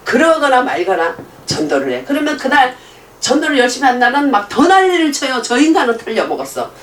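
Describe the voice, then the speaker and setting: Her voice high-pitched and brisk, a middle-aged woman delivers a storytelling sermon, laughing frequently. She brings the conversations to life by playing each side in its own voice. The mic catches her from afar in an echoey room.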